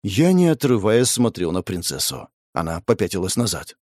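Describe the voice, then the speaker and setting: Male audiobook narrator, mid-pitched, intense dramatic read, close dry sound. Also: big pitch swings, normal speed, a little mellow, no echo. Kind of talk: first-person audiobook narration.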